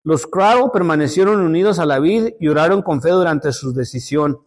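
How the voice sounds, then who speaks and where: A man with a high voice teaches a Sunday school lesson. He tells stories in an unpolished way, often repeating words and restarting phrases, and calls his listeners brothers. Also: lively intonation, moderate pace. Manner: storytelling, addresses listeners as brothers.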